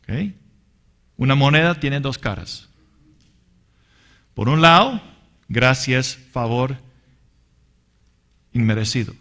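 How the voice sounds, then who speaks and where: A man's voice: mid-range voice, expressive, sharp tone. A man teaching a sermon with personal testimony, earnest and emphatic, addressing the listeners as brothers. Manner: deliberate and emphatic. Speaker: Bible teacher.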